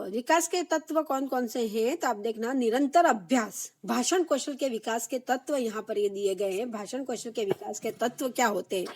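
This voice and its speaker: A woman teaching a Hindi exam-prep lesson, explaining patiently and repeating the key answers with emphasis, with frequent "है ना" tag questions. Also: fairly high pitch.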